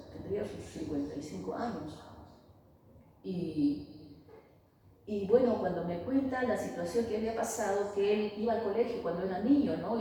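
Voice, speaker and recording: Woman, family therapist, hesitant, mellow voice, roomy echo. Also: medium pitch. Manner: hesitant, many fillers and restarts. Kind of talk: interview, explaining to an interviewer. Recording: echoey room, voice far from mic, faint noise.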